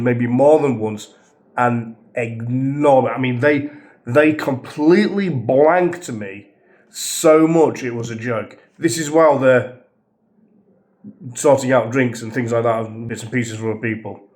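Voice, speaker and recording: Guy ranting bout his holiday, swears a lot, fed up and sarcastic, middle pitch. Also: darkish tone. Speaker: vlogger reviewing a holiday. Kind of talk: angry ranting travel diary.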